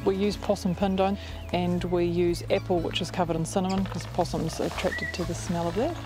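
A woman's voice: fairly low pitch, level tone, a little fast. Young New Zealand woman farmer. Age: young adult. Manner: earnest, chatty, with fillers like "like" and "actually". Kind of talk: documentary interview. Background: background music.

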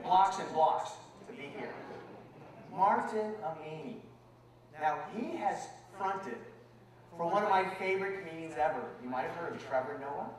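A man with a high voice hosts an outdoor rally, bantering playfully with the audience. He comes through a booming PA that echoes from far away. A crowd sounds clearly behind him. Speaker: emcee. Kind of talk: emceeing a rally.

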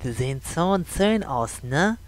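A man's voice: fairly high pitch, animated, measured pace. A man playing his character in an online role-play game, brash and crude in casual voice chat. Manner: crude, brash, swears freely.

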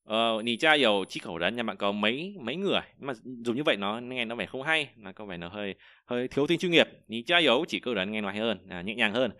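A man teaching a vocabulary lesson, explaining each word and repeating example sentences slowly, with frequent hesitations. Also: medium pitch, lively intonation, sharp tone, no echo, studio quality. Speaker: Chinese teacher.

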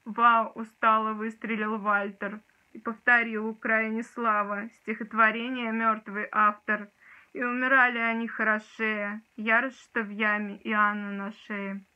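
A young woman dramatically declaiming poetry from a book in a forceful, rhythmic way, recorded indoors on a nearby phone or camera. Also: fairly high pitch, level tone, a little slow. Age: young adult. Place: small room indoors. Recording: dull, lo-fi sound.

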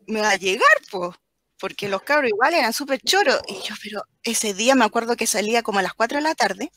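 A woman with a Chilean accent, a teacher telling a lively anecdote as a guest on a video call. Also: on the high side, no echo. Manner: animated, acts out the children's voices. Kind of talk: storytelling anecdote in live chat.

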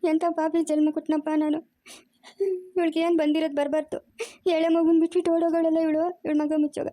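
A woman's voice: high voice, fairly even intonation, fast talker, mellow, dry recording, clean studio sound, close to an everyday voice. A woman doing a frantic scolding cartoon grandmother. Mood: wailing. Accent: rural Chikkaballapur Kannada. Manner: scolding, wailing. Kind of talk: cartoon voice acting.

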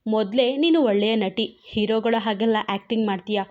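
A woman's voice: on the high side, brisk, narrow, tinny audio, natural voice. A woman voicing a young man who pleads in a trembling voice and then scolds. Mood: pleading. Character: worried young man, gruff and teasing.

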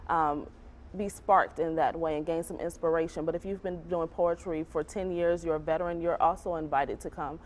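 A middle-aged woman, a museum program director, explaining an event on a morning TV news segment in a measured, informative way. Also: deep voice, fairly even intonation. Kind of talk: TV interview. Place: TV news studio.

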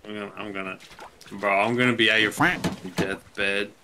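A man's voice: lowish voice, fairly even intonation, normal speed, noisy background. A man chatting casually with a friend while playing a game, teasing and bantering. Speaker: gamer. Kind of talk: casual gaming chat.

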